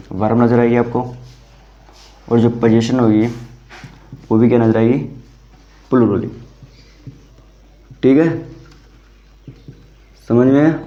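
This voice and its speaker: A man teaches an English grammar lesson, patiently taking it step by step and checking again and again that his students have understood. His voice is mellow and low-pitched. The recording sounds dull and lo-fi. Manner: explains step by step, asks "samajh mein aaya?"; calls students "beta", repeats "theek hai".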